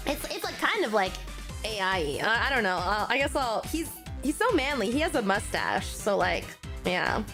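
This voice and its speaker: A woman streamer chatting in a giggly, rambling way between voice-acted game lines, with faint game music behind. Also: sits high. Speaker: VTuber streamer. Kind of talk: live-stream commentary while voice-acting a game.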